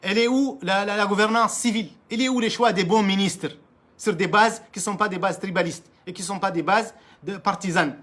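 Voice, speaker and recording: This political commentator's voice sits high, fairly quick and a bit bright. He's a man from Mauritania whose language is Arabic, giving a fervent political monologue in French that is emphatic and repetitive. He often restarts what he's saying and addresses leaders head-on.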